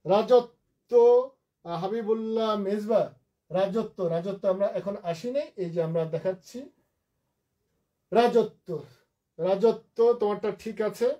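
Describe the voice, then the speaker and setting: A man teaching a live online class, patiently repeating each word slowly to drill its pronunciation. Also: sits high, dark tone, lo-fi sound. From Bangladesh.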